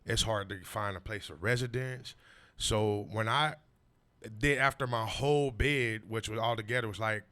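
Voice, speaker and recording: A podcast guest in his forties, this man speaks at normal speed in a lowish, bright, forceful voice. He tells his story emphatically and casually, leaning on repetitive street slang and frequent "you know what I mean".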